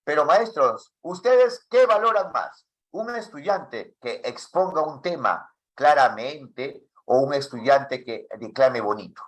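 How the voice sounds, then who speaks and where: Man, teacher trainer, animated pitch, quizzing his class, online lesson. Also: slow, few pauses. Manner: lively, asks many questions.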